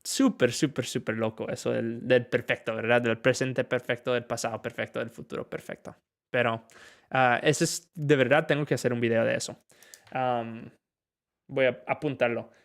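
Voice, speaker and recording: A man teaching English in a relaxed live-stream Q&A, chatting casually, reading viewer questions aloud and mixing Spanish with English. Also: mid-range voice, normal speed.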